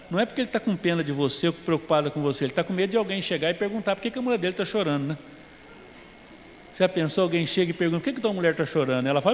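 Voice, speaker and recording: A Brazilian man with a high voice preaches a sermon, telling stories from his own life. He acts out the dialogue in them and swings from loud, emphatic lines to quiet, hushed ones. His voice rings with the long reverb of a church. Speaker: pastor.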